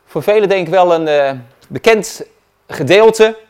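A man preaching, calmly reading a Bible passage aloud with small slips and spoken asides. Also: high voice, a little slow, smooth. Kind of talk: Bible reading in a church service.

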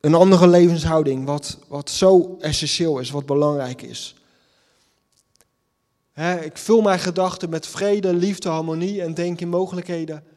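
A man's voice: fairly high pitch, normal speed, darkish tone, long reverb tail. A man preaching a sermon and reading scripture, earnest, with emphatic repetitions and rhetorical questions.

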